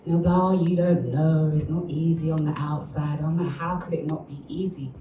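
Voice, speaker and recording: Very low-voiced woman recounting her story. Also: steady tone, fairly quick, reverberant, distant mic, muffled recording, background noise. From Uganda. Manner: candid, reflective storytelling. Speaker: interviewee. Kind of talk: documentary interview.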